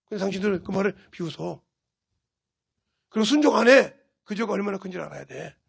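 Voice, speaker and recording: A male pastor preaching a fervent, scolding sermon that often bursts into shouts. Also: high-pitched, expressive, fast talker, creaky, slightly rough. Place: church, livestreamed service.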